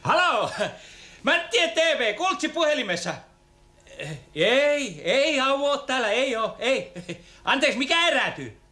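A man's voice: extremely high pitch, very animated, sharp tone, exaggerated voice. A man playing a chirpy, giggling male TV host who fusses on the phone in a comedy sketch. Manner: giggly, fussy phone manner.

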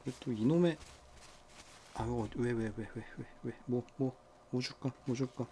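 A man chatting casually to viewers while tending his small pets at home, often dropping to a soft coaxing murmur. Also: mid-range voice, unhurried, a little hiss or hum. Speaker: pet vlogger.

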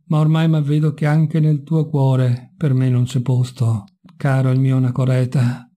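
A man's voice: medium pitch, little pitch movement, moderate pace, dark tone, lightly acted. A man voicing a bitter, mocking young intellectual in a read-aloud novel, with a wry, sardonic manner.

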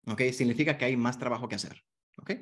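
A man leads an online masterclass on hypnotherapy, talking his students through the method. His voice sits at an ordinary middle pitch. He speaks conversationally and keeps checking in with his class. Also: quick pace. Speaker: hypnotherapy instructor.

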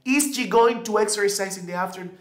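Guy doing a confused young girl student, high and hesitant, roomy echo. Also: normal speed, natural voice. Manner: hesitant, puzzled questioning. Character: confused young female student asking the teacher. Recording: echoey room.

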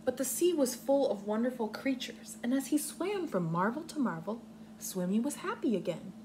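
With a slightly mellow voice on the high side, lively intonation and moderate pace, a young American woman reads to small kids indoors on her couch. She explains simply and clearly in kindergarten-teacher fashion, though the home recording is clearly noisy.

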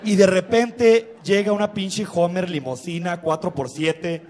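A man with a Mexican accent doing profane, animated stand-up storytelling. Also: high-pitched, unhurried, in a large hall, slight background noise. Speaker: stand-up comedian.

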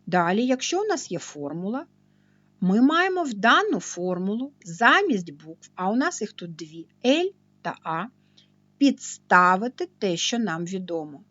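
A woman math teacher giving a slow, patient, step-by-step video lesson. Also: mid-range voice, sing-song, fairly bright tone, dry recording, lo-fi sound.

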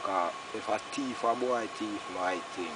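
A man's voice: on the low side, measured pace, far from the mic. An older Jamaican man reasoning casually in rasta-style patois, emphatic and repeating his phrases. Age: older, about 60s. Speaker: farmer being interviewed. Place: outdoors on a village roadside. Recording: outdoor roadside, off-mic, faint noise.

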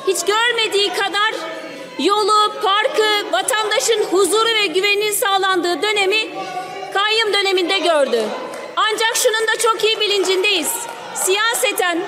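A woman lawmaker giving a forceful parliamentary speech at a rostrum microphone, firing off rhetorical questions. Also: very high-pitched. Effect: speaking at a parliamentary rostrum microphone. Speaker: member of parliament. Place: parliament chamber. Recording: crowd murmur of parliament chamber.

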